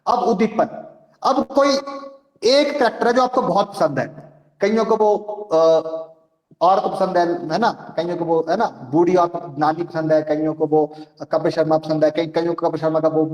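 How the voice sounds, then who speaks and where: A man's voice: a little high, moderate pace, a little mellow. A male teacher giving an online class, explaining with rhetorical questions and often checking that students follow. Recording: echoey room.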